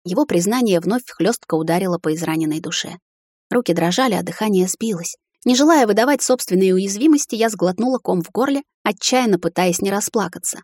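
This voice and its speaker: A woman narrating a novel in the first person, in a steady, measured reading. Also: medium pitch, no room sound, studio quality. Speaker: audiobook narrator.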